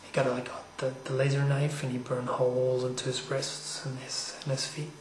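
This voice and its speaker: A man's voice: medium pitch, completely flat delivery, moderate pace, slight background noise. A man telling a story casually and loosely, with frequent asides and restarts. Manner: loose and conversational, with frequent "you know" and "like" asides. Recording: roomy echoey room.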